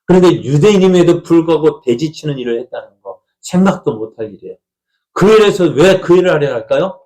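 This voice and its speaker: A man's voice: a little high, lively intonation, a little fast, mellow. A man, the pastor, preaching a sermon, telling the story in a folksy way and asking the congregation one rhetorical question after another.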